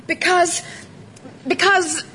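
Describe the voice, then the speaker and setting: An actress playing an earnest, cheerful young woman on a quest, with a bright and eager delivery, in a comedic radio play. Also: very high-pitched, steady tone, takes it slowly, slight background noise, heavily acted.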